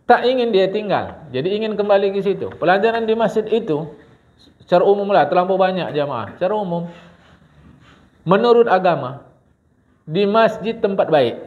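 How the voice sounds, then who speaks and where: A man teaching a mosque congregation, talking in an animated way with a lilt and often calling out to his listeners. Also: high-pitched, normal speed, long pauses. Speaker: religious teacher. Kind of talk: mosque study-circle sermon. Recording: dull lo-fi recording.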